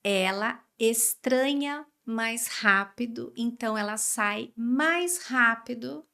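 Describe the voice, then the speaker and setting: A Brazilian woman speaking as a podcast guest, explaining in an animated way and acting out what parents and children say. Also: fairly high pitch, slow, creaky, clean tone. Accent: Brazilian Portuguese. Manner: animated, acts out quoted parents and kids. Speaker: guest expert on emotional education. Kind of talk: conversational podcast interview.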